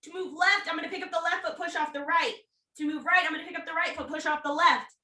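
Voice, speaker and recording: A woman with a very high, pushed, bright voice talks fast, her intonation fairly even. She's leading a live online self-defense workshop from home over video call. Frank and encouraging, she says "um" often and barks out drill cues with energy.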